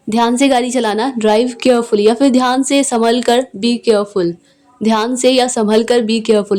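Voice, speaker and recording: A woman teaching everyday English phrases, saying each phrase slowly and clearly and then explaining it in Hindi. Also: on the high side, darkish tone. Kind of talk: spoken English lesson in Hindi.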